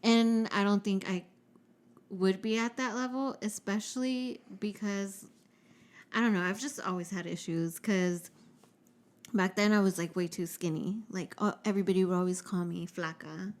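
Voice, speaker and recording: A woman's voice: medium pitch, steady tone, normal speed. A young woman and podcast co-host in casual chat, talking frankly with lots of swearing, filling her talk with "like" and dropping in Spanish words. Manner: frank and profane, heavy use of "like".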